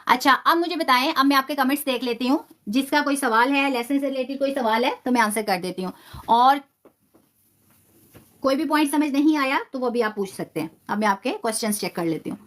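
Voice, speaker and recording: A woman with a high voice teaches a live online tajweed lesson. She repeats each term patiently and stretches out example sounds slowly. Her explanations are sprinkled with English words. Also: a bit bright.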